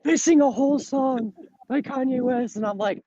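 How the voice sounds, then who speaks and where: A man in casual chat on a podcast, out of breath from walking uphill as he talks, animated and swearing while he tells a story. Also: very high-pitched, normal speed, dry recording, lo-fi sound. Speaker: podcast host.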